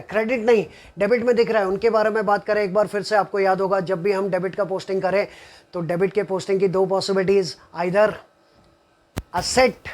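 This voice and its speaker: A male commerce teacher with a Mumbai Hindi accent, explaining an accounting problem step by step, asking his students questions and answering them himself, and mixing in English terms. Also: high voice. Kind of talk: online accounting lesson.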